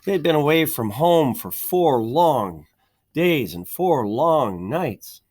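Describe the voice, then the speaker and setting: In a slightly high voice, a male storybook reader shares a children's picture book aloud, expressive yet measured, putting stress on the key words.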